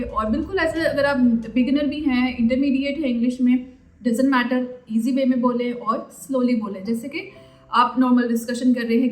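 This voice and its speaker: A woman's voice: fairly high pitch, a little mellow. A woman vlogger giving job-hunting advice in a chatty, explaining way, dropping English phrases into her talk. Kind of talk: casual advice vlog. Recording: roomy echo, faint background music.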